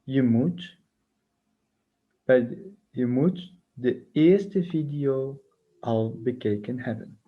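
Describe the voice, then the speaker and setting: Guy teaching a grammar lesson, slow and patient, spells everything out, slightly husky, muffled lo-fi sound. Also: mid-range voice. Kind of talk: recorded language lesson. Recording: muffled lo-fi recording.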